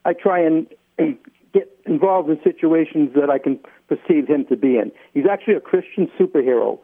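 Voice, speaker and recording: A man with a New England accent explains himself as an interview guest, in a halting, deliberate way. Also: a little high, narrow, tinny audio. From Massachusetts, United States. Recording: band-limited radio phone-in sound.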